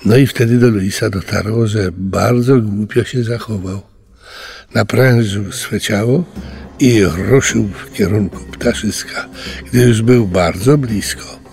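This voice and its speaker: A man reading a children's story aloud, calm and animated, doing voices for the characters. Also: mid-range voice, gravelly.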